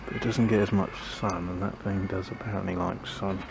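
A man with a low-pitched, steady, brisk voice and vocal fry chats to camera. He's a gardening vlogger working in a small backyard garden, thinking aloud as he plants, often unsure of himself and trailing off. The clip has noisy outdoor ambience.

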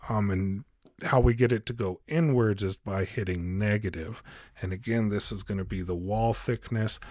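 A man giving a calm step-by-step software tutorial as host, with frequent ums. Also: fairly low pitch, no room sound, clean studio sound. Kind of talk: screen-recorded software tutorial.

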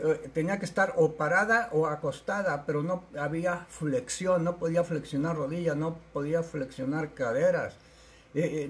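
A man who tells patient stories casually on a live stream, acting out the quoted voices and filling pauses with "eh" and "este". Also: on the high side. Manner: animated storyteller, acts out quotes, many fillers. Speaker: alternative health practitioner.

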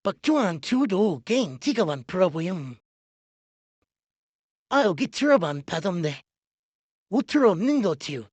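A woman giving casual commentary over a video game she plays, exclamatory and often repeating words in quick bursts. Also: on the low side, big pitch swings, darkish tone, husky, dry recording. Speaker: gaming video creator.

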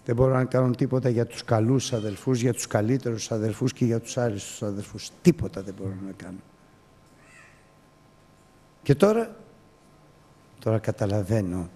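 A man preaching a sermon earnestly, often dropping to a quiet voice and sometimes rising to sudden exclamations. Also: medium pitch, in a large hall.

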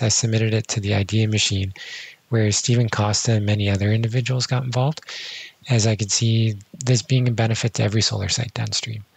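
A man, a civil designer, giving measured technical answers in a podcast interview. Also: fairly low pitch, vocal fry, breathy edge, dry recording. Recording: dull dry studio sound.

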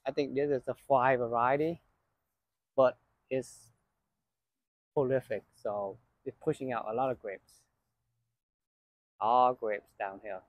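A gardening channel host speaks slowly in a mid-range voice, pausing often, as he harvests and walks through his outdoor vegetable garden. Shot on a handheld phone, the sound is dry and lo-fi. He's relaxed and chatty, pointing things out along the way.

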